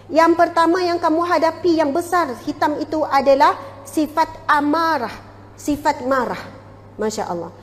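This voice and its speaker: High-voiced Malaysian woman preacher, hall reverb. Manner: lively, acts out household dialogue. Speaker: female religious teacher. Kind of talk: religious lecture to women.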